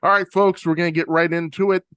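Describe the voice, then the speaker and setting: Speaking fast with little pitch movement, this fairly high-voiced podcast host from the US Pacific Northwest rambles through listener mail, full of fillers and restarts. The close studio mic captures a clean, slightly bright tone with no echo.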